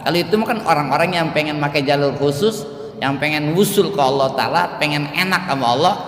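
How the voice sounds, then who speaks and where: Higher-voiced man preaching in echoey mosque. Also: brisk, fairly bright tone. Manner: casual, joking storytelling with acted dialogue. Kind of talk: mosque study-circle sermon. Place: mosque hall. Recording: echoey mosque hall with faint noise.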